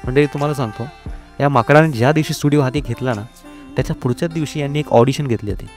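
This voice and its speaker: With a quick pace and a mid-range, darkish voice, a man plays a cocky, sarcastic wolf hosting a comedy podcast, lightly acted over soft background music. He sounds smug, mocking and hesitant, mixing in English words, while the wolf is secretly cowardly. It's a scripted comedy podcast monologue.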